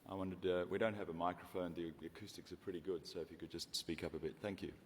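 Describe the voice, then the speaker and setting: A reverberant hall with faint noise surrounds a man with a deep voice. He chairs a conference session informally, politely and a little hesitantly. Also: fairly even intonation, fast. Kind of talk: informal moderating and introducing speakers. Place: conference hall without audience microphone.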